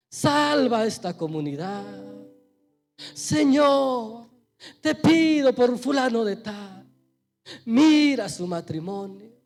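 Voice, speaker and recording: Preacher doing an old pastor praying hard, high voice, soft music faint behind. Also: male voice, close to an everyday voice. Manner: fervent pleading prayer, then soft kindly requests. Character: elderly male pastor, devout and gentle.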